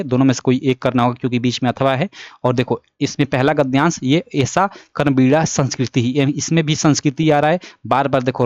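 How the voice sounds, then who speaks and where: A man's voice: medium pitch, no echo. A young man casually walking students through an exam paper, often checking in and correcting himself as he goes. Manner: casual, repeats filler checks, self-corrects. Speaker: teacher. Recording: dull lo-fi sound.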